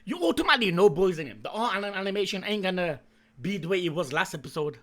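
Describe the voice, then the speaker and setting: A young man with a raspy, creaky voice doing excited live reaction commentary in slangy, hyped-up bro talk that bursts into shouting. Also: sits high, fast. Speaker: YouTube anime reaction host.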